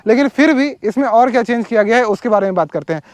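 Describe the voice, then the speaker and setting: A man's voice: very high voice, animated, quick pace, no room sound. A man giving a casual, conversational motorbike review outdoors, explaining features with frequent fillers. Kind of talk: casual product walkaround. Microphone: wireless or helmet mic.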